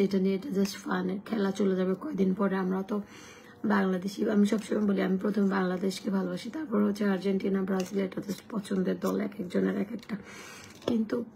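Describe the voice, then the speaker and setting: A hoarse woman chatting casually with viewers on a live stream and pitching offers from her shop. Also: mellow, a little hiss or hum. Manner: chatty, addresses viewers directly, switches to sales pitch.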